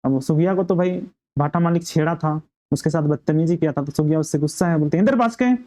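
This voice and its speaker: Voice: medium pitch, level tone, quick pace, mellow. A narrator patiently paraphrasing a play scene by scene for students preparing for an exam.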